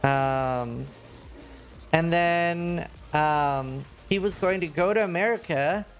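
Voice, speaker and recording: Chatty man, slightly high. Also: slow pace, soft background music. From Norway. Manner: rambling, chatty, with many fillers and restarts. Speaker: streamer. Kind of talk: casual chat while streaming a game.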